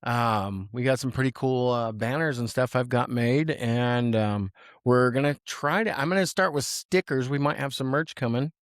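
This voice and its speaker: A man's voice: mid-range voice, moderate pace, dry recording, studio quality. A young man co-hosting a podcast from a small office, rambling casually with plenty of fillers and restarts. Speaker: podcast co-host. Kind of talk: casual unscripted chat.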